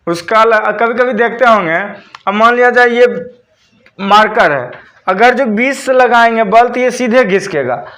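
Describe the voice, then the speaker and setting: A man's voice: very high-pitched, bright, forceful tone. A man teaching a school physics lesson, dictating notes and repeating key terms back as questions for his students.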